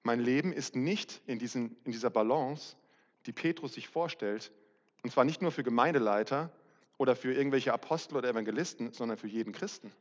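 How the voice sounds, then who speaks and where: A man's voice: mid-range voice, brisk. A middle-aged man preaching a sermon as pastor, candid and self-mocking in a conversational way. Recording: muffled, reverberant hall recording.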